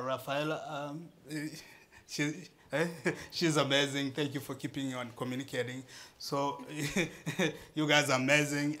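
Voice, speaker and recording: The founder of a charity, a man from eastern Democratic Republic of Congo, gives an earnest speech at an event before a live audience. He laughs often and keeps restarting his phrases, his medium-pitched voice fairly bright.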